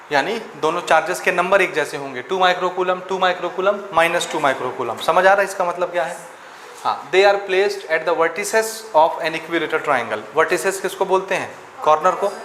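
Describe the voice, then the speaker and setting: A man teaches physics to a class in a slightly high voice, working numbers out aloud and asking students for answers. The room is echoey, with faint noise behind him. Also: a bit bright. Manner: asks students questions, works sums aloud. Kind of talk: classroom lecture.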